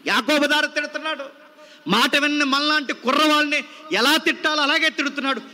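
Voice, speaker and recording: Man, preacher, youth sermon, very high voice, scolding rhetorical questions. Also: fairly quick, bright, forceful tone.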